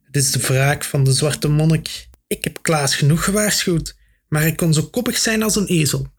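Nervous young clerk guy in a storybook read by a man, kinda high and hesitant, husky. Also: normal speed. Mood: gloomy. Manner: hesitant, gloomy.

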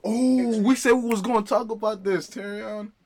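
A man's voice: sits high, fairly even intonation, normal speed, a little mellow. A young man in casual podcast banter, talking like a boisterous frat bro, slangy, often cutting in and repeating himself. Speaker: podcast host.

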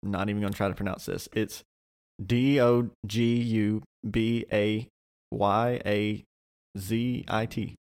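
A man's voice: fairly low pitch, little pitch movement, slow, a little mellow, clear, resonant tone. A man co-hosting a casual faith podcast, reading an article aloud, tripping over hard names and dropping jokey asides. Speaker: podcast co-host.

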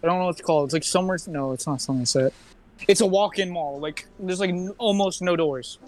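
A man's voice: sits high, fast talker, faint music behind. A young man from the United States in casual voice chat, slangy and sweary like a frat bro. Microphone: voice chat on Discord.

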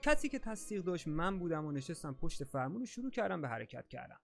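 A man's voice: fairly high pitch, sing-song, gravelly, faint music behind. A man narrating a first-person creepy story in a casual, slangy way.

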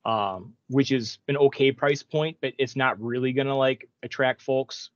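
A man's voice: mid-range voice, measured pace, dry recording, dull audio. A man co-hosting a gaming podcast, talking casually and rambling with many restarts. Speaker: podcast co-host. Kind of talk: casual chat.

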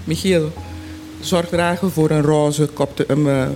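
A man explaining things informally as a panel guest, in halting, deliberate phrases. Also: on the high side, steady tone, darkish tone, soft background music. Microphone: studio microphone. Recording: clear background noise.

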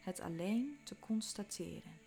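A woman leading a guided walking meditation, giving calm, soothing instructions that sometimes drop to a soft whisper. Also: fairly low pitch, measured pace, gravelly. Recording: faint music behind.

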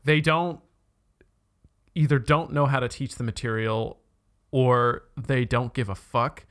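Canadian guy talking about school days, lots of "like", swears casually, mid pitch. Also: unhurried. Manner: relaxed, lots of "like" fillers, blunt swearing. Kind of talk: casual chat.

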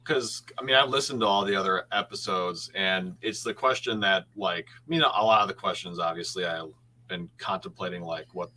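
Bright-voiced man musing as a guest. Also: deep voice, moderate pace, poor audio. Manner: reflective, thinks aloud with many restarts. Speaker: guest artist, printmaker. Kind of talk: casual podcast conversation.

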